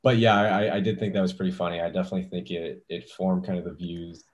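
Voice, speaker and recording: A man's voice: low-pitched, fairly even intonation, fast talker, muffled recording. A young man hosting a podcast, talking in an easygoing way with lots of fillers and restarts. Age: young adult. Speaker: podcast host. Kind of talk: casual chat.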